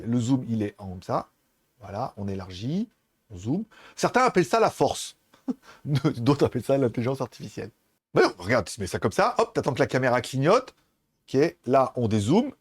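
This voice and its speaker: A tech reviewer with a slightly high, darkish voice demos a webcam in casual French, chatting and laughing often as he speaks straight to the viewer. He's recorded through the webcam's built-in mics in a room with a small fan and an air conditioner.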